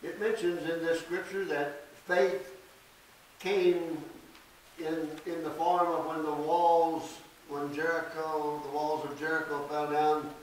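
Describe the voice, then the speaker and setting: Older male preacher, slow deliberate delivery, fairly high voice, echoey church picked up from afar. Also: little pitch movement. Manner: slow, deliberate scripture reading with emphatic stresses. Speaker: pastor. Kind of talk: sermon. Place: small church sanctuary. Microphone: podium mic from a distance. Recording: echoey church, distant mic, faint hiss.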